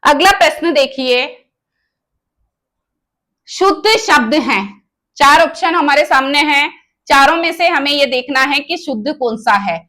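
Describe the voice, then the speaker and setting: Slow, high-voiced woman teaching Hindi grammar. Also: sharp tone. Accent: Rajasthani Hindi. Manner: asks the class questions and answers them herself; spells out words slowly, option by option. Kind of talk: exam-prep lesson.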